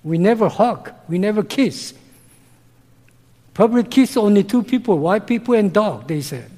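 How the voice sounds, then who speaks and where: A long reverb tail follows this high-voiced man, a missionary guest with a Korean accent. He answers interview questions by recounting personal stories in broken English, earnest and slow, though he grows loud when animated.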